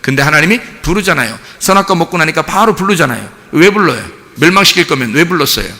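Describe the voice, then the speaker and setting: A male pastor preaching a sermon with animated delivery, often firing rhetorical questions at the congregation. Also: a little high, fast, in a large hall. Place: church sanctuary.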